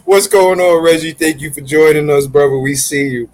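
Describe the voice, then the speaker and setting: Male podcast host from Brooklyn, fairly high voice, brash casual banter, profane and teasing. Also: moderate pace, darkish tone. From Brooklyn, New York.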